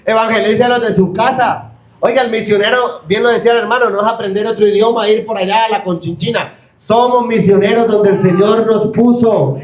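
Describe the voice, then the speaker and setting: High-voiced preacher in an echoey church. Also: male voice, fairly even intonation, fairly quick. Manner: emphatic, questions the congregation and acts out quoted excuses. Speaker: pastor. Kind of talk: sermon. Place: church hall.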